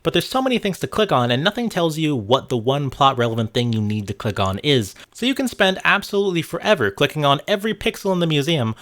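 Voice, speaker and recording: This male narrator of a scripted video essay pitches his voice fairly high and sounds a little bright. He talks fast and very animatedly, barely stopping for breath. Music plays under his wry, casual delivery, which includes side comments and some offhand swearing.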